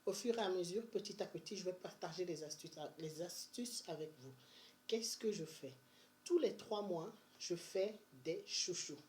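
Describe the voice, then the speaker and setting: Woman vlogger, Benin-born, chatty and energetic, casual advice talk. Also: lowish voice, moderate pace, slight background noise. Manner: chatty and energetic, with many fillers and restarts. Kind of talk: casual money-saving advice vlog.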